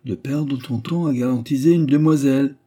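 A man's voice: medium pitch, moderate pace, warm tone, pitched above the performer's own voice, close to an everyday voice. A man voicing a grumpy old male scholar who grumbles with disdain in a storybook reading. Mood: grumbling.

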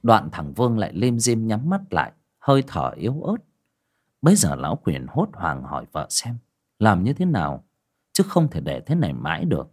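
A man's voice: on the low side, moderate pace, breathy edge. A man narrating a dramatic audio story and acting out every character. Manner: expressive, does all the voices.

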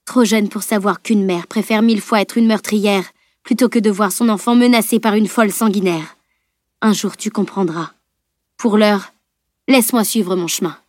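A cold, resolute mother, voiced by a woman reader speaks calmly and flatly. Her firmness carries no emotion. The audiobook sound is dry and close. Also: mid-range voice, normal speed, no room sound, close to an everyday voice. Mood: steely. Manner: flat, calm and firm.

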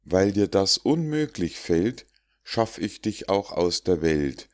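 A man's voice: low-pitched, big pitch swings, slow pace, heavily acted. A man voicing a small peasant boy from a storybook fable who speaks in a curt, matter-of-fact way. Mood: blunt.

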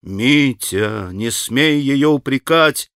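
A man's voice: medium pitch, lively intonation, extremely slow, a bit bright, clean tone, no room sound, clean studio sound, heavily acted. A man voicing Alyosha, an earnest young man.

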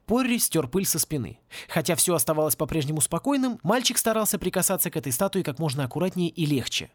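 A man narrating a satirical fantasy audiobook in a wry, expressive storytelling voice. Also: on the high side, fast talker, dry recording. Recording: dry, close-miked home recording.

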